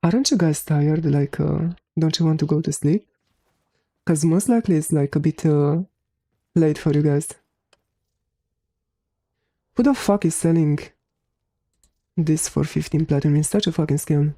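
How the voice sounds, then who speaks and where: A young woman streaming a game, chatting casually with her viewers, her voice a little hoarse from talking, swearing freely. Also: low-pitched, unhurried, pauses often, warm tone, dry recording. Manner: laid-back, swears freely, answers chat. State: slightly hoarse. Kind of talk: casual live-stream chat.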